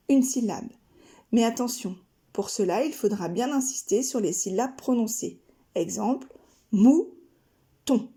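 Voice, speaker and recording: A woman from France, a kindergarten teacher narrating a scripted lesson, speaking slowly and carefully articulating each syllable. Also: a little high, dark tone. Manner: slow, carefully articulated, splitting words into syllables.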